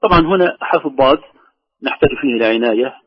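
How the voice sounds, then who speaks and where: A man teaching Quran recitation, briskly explaining pronunciation and sounding out the words he corrects. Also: medium pitch, lively intonation, slightly rough. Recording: muffled radio broadcast sound.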